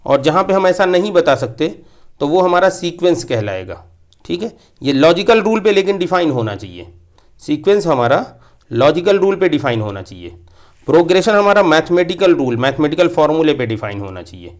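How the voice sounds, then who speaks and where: A man's voice: a little high, sing-song, moderate pace. A man giving a patient maths lecture who repeats key points and mixes English terms into his explanation. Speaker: maths teacher. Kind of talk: classroom lecture.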